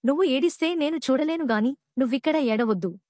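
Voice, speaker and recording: A woman's voice: high-pitched, fairly quick, darkish tone, no echo, studio quality, lightly acted. Woman voicing a frightened mother dove. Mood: pleading. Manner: pleading. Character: frightened mother dove, pleading for her chicks.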